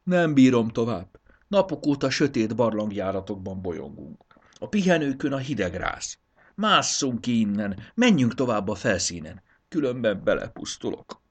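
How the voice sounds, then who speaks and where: A man's voice: mid-range voice, sing-song, slightly rough, pitched above the performer's own voice. A man voicing a tired little male creature who moans and complains in a raised, strained voice. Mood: despairing. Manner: whining, desperate.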